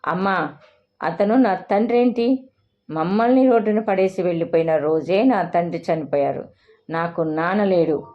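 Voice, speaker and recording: A woman's voice: fairly low pitch, normal speed, highs cut off, close to an everyday voice. Woman as a fierce, defiant young woman. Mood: cold. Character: angry young pregnant woman defending her mother.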